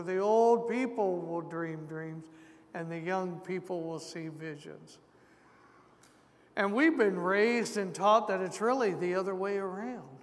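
A man preaching a sermon in a church, moving from scripture reading into story-filled asides to the congregation. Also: sits high. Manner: slow, deliberate preaching with asides. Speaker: pastor. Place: large church sanctuary. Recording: long church reverb.

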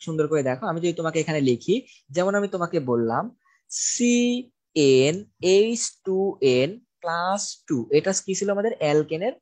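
Guy teaching chem online, mellow dark voice, keeps repeating the answers. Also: fairly high pitch, lively intonation, moderate pace. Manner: repeats key answers, asks and answers own questions. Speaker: chemistry tutor. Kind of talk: online class lecture.

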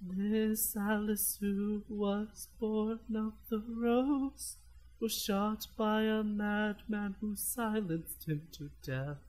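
A woman's voice: mid-range voice, a little mellow, slight background noise, low-quality recording. A woman playing a fragile, unhinged young man in an amateur radio play, with theatrical delivery over music. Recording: music behind the voice.

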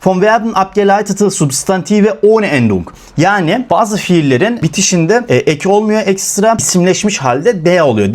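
A young man teaching German grammar, listing examples one by one with many filler sounds. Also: on the high side. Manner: lively, repeats examples, fillers "e". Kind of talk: explaining grammar lesson in Turkish.

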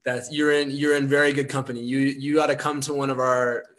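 A man in a radio conversation, talking earnestly and explaining in a measured, promotional way. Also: mid-range voice, little pitch movement, fairly bright tone.

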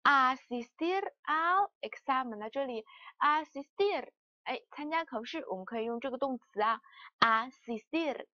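Female teacher, high voice, patient repeat-after-me drills, dry slightly muffled sound. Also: sharp tone, no echo. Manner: slow, repeated word drills. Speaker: language teacher. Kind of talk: lesson.

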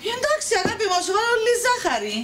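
A fussing Cypriot mum. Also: female voice, very high-pitched, sing-song, noisy background. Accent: Cypriot Greek. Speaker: mother in a family sitcom.

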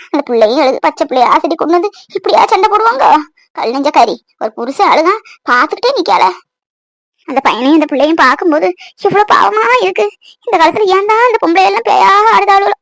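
A woman's voice: very high-pitched, expressive, fast talker, vocal fry, a bit bright, no echo, clean studio sound, exaggerated voice. A woman voicing a grumbling old village woman in a cartoon, lamenting and scolding young wives about the old days. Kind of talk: cartoon voice acting.

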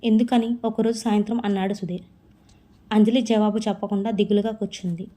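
Woman reading a story, calm steady pace, warm mellow tone. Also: mid-range voice, brisk. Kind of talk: scripted storybook narration.

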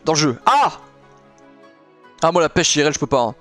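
A man's voice: a little high, a little fast, soft background music. A young man streaming live, chatting with viewers in a rambling way with lots of fillers. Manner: excitable, shouting and laughing with joy. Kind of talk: live stream reaction and chat.

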